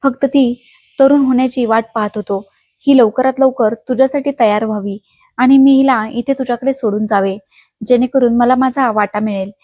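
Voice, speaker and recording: A woman's voice: a little high, fairly even intonation, moderate pace, a little mellow, no echo, natural voice. A woman voicing a cruel, cunning middle-aged stepfather with a harsh, scheming way of talking.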